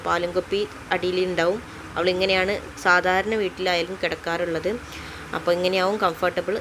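A young woman, a mother and vlogger, narrating a casual family vlog in an easygoing, chatty way, speaking straight to her viewers. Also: lowish voice. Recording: noisy phone vlog audio.

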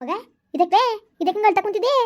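A woman playing a village woman who questions and scolds in quick bursts. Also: very high voice, lively intonation, mellow, highs cut off. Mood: scolding. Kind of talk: village skit acting.

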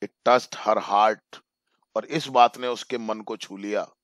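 Man teaching a story lesson, crisp voice. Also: lowish voice, steady tone, a bit bright, no echo, clean studio sound. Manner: explains line by line, reads English slowly and then paraphrases; repeats phrases for emphasis. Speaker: English teacher. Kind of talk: bilingual classroom lesson explaining a story.

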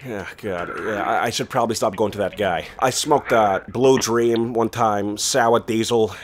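A man's voice: fairly low pitch, a little slow, lightly acted. A man voicing a foul-mouthed, stoned teddy bear, rambling sarcastically in online game voice chat. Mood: stoned, boastful. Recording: noisy game voice-chat capture.

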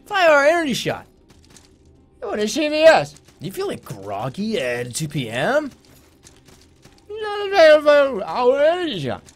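A man voicing an overeager male announcer in a mock energy-drink commercial, with a loud, pushy sales pitch. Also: huge pitch swings, slow pace, long pauses, soft background music, full character voice. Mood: hard-selling.

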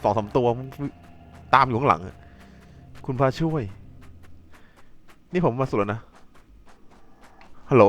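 A man hosting a let's play, talking excitably over the game and yelping and swearing when things get tense. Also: mid-range voice, a little slow, long pauses. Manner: excitable, yelps and swears in panic. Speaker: gaming channel host.

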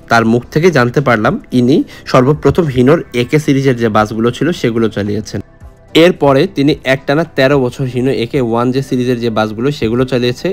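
A man narrating a travel vlog in a scripted voice-over, describing and reviewing a bus journey. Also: mid-range voice. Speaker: travel vlogger.

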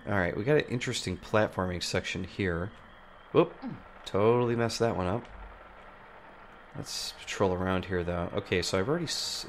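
With a stuffy nose from a cold, a man in his thirties hosting a let's play begins with a lively hello and then settles into quiet, muttered musing over his gameplay. His big studio mic on a boom arm, set up in a home room with plush toys on the shelves, carries a bit of hiss or hum.

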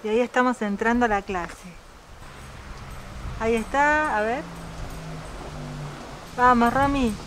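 A middle-aged vlogger with an Argentine Spanish accent chats casually to her handheld camera on an empty street, giggly and playfully embarrassed. Her voice is on the high side and fairly bright, she speaks slowly with frequent pauses, and outdoor background noise can be heard.

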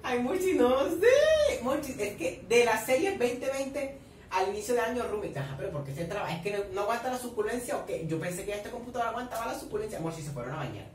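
A man's voice: sits high, quick pace. Gossipy young Colombian man reacting. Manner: animated, gossipy, addresses viewers playfully. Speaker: reaction vlogger. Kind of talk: casual reaction commentary. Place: at home with family nearby. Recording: echoey room, distant mic, faint noise.

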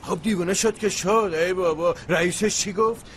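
A man's voice: high voice, fairly bright tone, a little hiss or hum. A blustering father. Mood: boastful. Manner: boastful, grumbling. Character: blustering middle-aged father. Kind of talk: dubbed TV drama.

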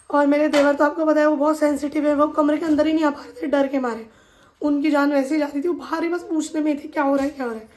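High-voiced woman telling a family story. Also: slight background noise. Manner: animated, retells events with quoted dialogue. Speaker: family vlogger. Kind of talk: casual storytelling vlog. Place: home kitchen.

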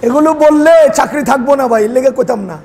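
High-voiced imam preaching in a ringing hall. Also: male voice, brisk, a little mellow. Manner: fervent, rhetorical questions, joking asides. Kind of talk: Friday sermon.

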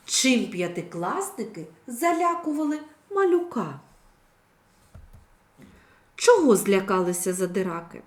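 A woman teacher giving a recorded reading lesson for young children, speaking clearly and instructively. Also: mid-range voice. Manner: slow, clearly articulated, instructive. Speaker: primary school teacher.

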